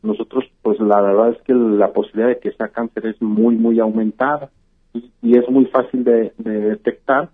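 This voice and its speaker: A man's voice: medium pitch, steady tone, moderate pace, husky. A man, a physician explaining things patiently in a radio interview, with many "eh" fillers and "¿verdad?" tags. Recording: tinny phone-like line.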